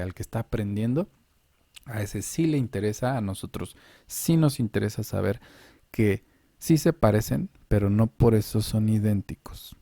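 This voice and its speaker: A man teaches an online language lesson at an unhurried pace. His voice is low and mellow, and the sound is dry and close. He explains patiently and poses rhetorical questions that he answers himself. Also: dry recording.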